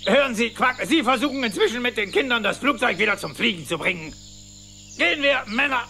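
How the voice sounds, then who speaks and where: A rich old cartoon duck blusters and gives orders in an excitable way. The voice sits extremely high and leaps around in pitch, with music behind it in a children's radio play. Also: male voice, fairly quick, creaky, exaggerated voice. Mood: exasperated, commanding. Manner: blustering, commanding. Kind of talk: German children's audio drama acting.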